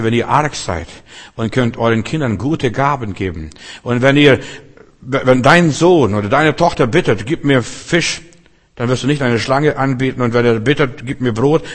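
A man's voice: mid-range voice, big-room sound. A man preaching a sermon, emphatic and repetitive, speaking straight to his listeners with slightly broken grammar.

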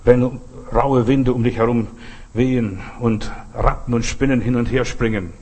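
Speaking a little slowly in a steady, mid-range voice with a darkish, slightly rough tone, this preacher delivers a sermon off the cuff. He's folksy and repetitive, exhorting the listener directly through short commands and anecdotes.

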